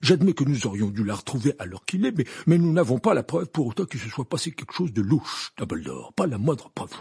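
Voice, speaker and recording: A man's voice: medium pitch, very animated, a little fast, creaky, dark tone, breathy edge, pitched above the performer's own voice, exaggerated voice. A man voicing a flustered, pompous middle-aged male minister who stammers and repeats himself. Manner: stammering, hesitant, repeats words.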